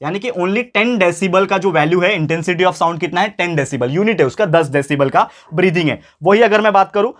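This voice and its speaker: A man tutoring a school science class, talking to viewers as friends, repeating key points and speaking a little louder than normal to stay clear. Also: high-pitched, brisk, few pauses. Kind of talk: online science lesson.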